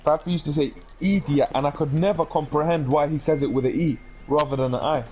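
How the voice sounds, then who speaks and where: A man's voice: a little high, steady tone, quick pace, mellow, highs cut off. A young man from Lebanon with a London accent, chatting with friends while streaming a game, telling rambling, slangy stories. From Lebanon, raised in Essex and London. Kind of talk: casual chat.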